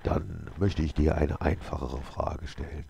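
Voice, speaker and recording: Guy doing a mysterious stranger, slow flat storybook voice, really deep. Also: vocal fry, lo-fi sound, slight background noise, heavily acted. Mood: calm. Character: mysterious calm male stranger.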